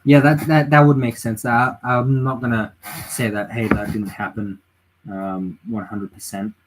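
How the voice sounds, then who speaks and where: A man of medium pitch talks unhurriedly with little pitch movement, and there's a bit of hiss or hum. He's a tired native English speaker on a late-night home livestream, wandering through casual political opinions, reading chat aloud, with many fillers and restarts.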